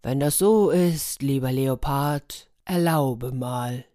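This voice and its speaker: Brief: woman doing a deliberate, kindly tortoise, low voice, storybook. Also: dark tone, dry recording, clean studio sound. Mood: wise. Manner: slow, deliberate, measured. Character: wise slow kindly female tortoise.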